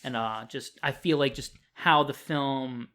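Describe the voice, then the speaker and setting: A man's voice: medium pitch, measured pace, bright, forceful tone. Young man rambling through a casual film review. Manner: rambling, heavy on fillers and self-corrections, swears casually.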